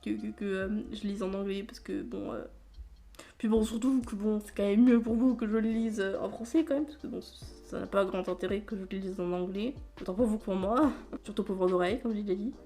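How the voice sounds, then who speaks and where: A woman's voice: medium pitch, brisk, warm tone, soft background music. A woman chatting casually as a book vlogger, rambling, stumbling over words and laughing at herself. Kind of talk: casual chat.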